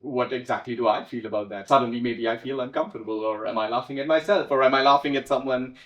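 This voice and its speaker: Man, playwright, interview, reflective, halting restarts, soft laughs, echoey room. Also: medium pitch, muffled recording. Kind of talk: conversational interview. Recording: roomy echo.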